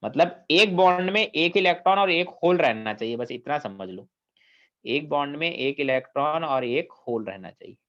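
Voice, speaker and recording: Here a male chemistry teacher speaks with a somewhat high, slightly bright, animated voice at a moderate pace. His Hindi is mixed with English scientific terms, and he frequently quizzes the class to check comprehension, all captured on dull lo-fi audio.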